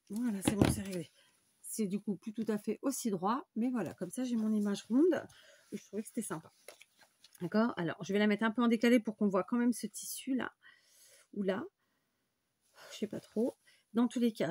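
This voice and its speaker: A woman's voice: medium pitch, normal speed, pauses often, warm tone, husky, no room sound. A woman hosting a crafting tutorial, talking viewers through each step in a chatty way and thinking aloud as she works. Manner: chatty, thinks aloud with frequent fillers and "voilà".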